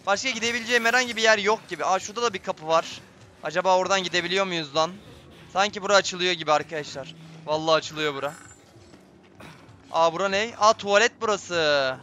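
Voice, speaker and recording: A man's voice: high-pitched, fast, pushed and bright. A man giving tense, jumpy live commentary on a horror game, talking straight to his viewers. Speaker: gameplay streamer.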